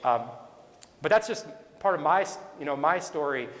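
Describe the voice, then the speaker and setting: A man's voice: on the high side, lively intonation, normal speed. A man in his forties giving a rambling, conversational personal testimony at a business leaders' event. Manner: conversational, rambling with restarts and asides. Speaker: speaker. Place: event hall. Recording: echoey hall with long reverb.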